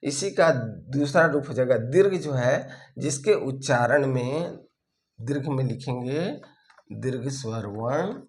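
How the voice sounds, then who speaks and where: Slow deliberate man dictating a lesson. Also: medium pitch, a little mellow. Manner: slow and deliberate, repeats phrases for dictation, ends points with "theek hai". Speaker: Sanskrit teacher. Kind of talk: classroom lesson, dictating notes.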